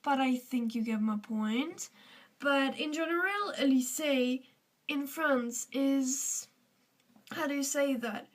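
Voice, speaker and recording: Teen girl vlogger, Austrian German accent, rambling casual talk, high voice, mic a bit distant. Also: slow pace. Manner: chatty, rambling, with many fillers and restarts. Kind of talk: casual chat to camera.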